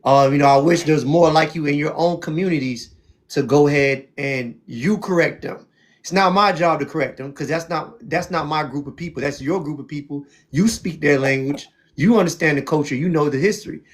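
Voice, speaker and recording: Leading a heated streamed debate, the South Florida host talks in an emphatic, sermonizing way and repeats "see what I'm saying." His voice is a little high and brisk.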